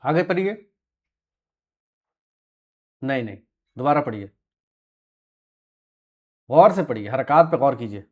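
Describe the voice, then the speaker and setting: In this classroom lesson, a man with an expressive, mid-range voice goes through Quranic Arabic vocabulary slowly, pausing often. He patiently fixes pronunciation, gives soft, brief confirmations of students' answers, and frequently clears his throat.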